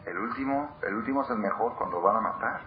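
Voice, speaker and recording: A man's voice: on the low side, quick pace. A man teaching a Torah class, emphatic, repeating words for stress and putting questions to his listeners. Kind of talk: Torah class to a live audience. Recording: dull lo-fi recording with clear background noise.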